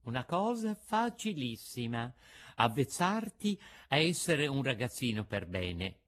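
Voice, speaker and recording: A man voicing a gentle, patient motherly fairy woman in a storybook reading, soft, measured and admonishing. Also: mid-range voice, big pitch swings, slight background noise.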